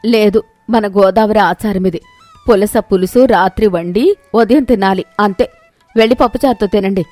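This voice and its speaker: A woman's voice: medium pitch, normal speed, darkish tone, dry recording, soft background music, lightly acted. A woman voicing a firm middle-aged mother-in-law who lays down the house rules. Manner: firm, bossy.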